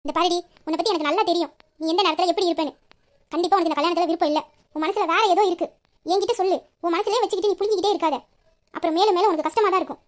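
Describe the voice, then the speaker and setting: A woman's voice: very high-pitched, very fast. A woman voicing a young woman who keeps pressing her best friend with insistent questions. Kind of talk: audio story reading.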